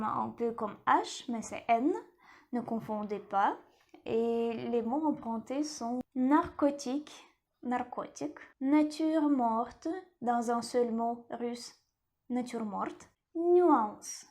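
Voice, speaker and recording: Lady teaching, slightly high voice, says every word twice, slow and careful. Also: a little mellow. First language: Russian. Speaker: language teacher. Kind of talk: teaching a lesson.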